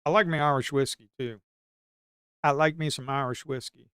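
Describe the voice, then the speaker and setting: On a trading live stream, this middle-aged Appalachian man from the Blue Ridge Mountains rambles through crude, folksy stories in casual chat, now and then breaking into hollers. His mid-range voice stays fairly even, with a fairly bright, clear, resonant tone at a moderate pace. Sound is clean studio quality with no echo.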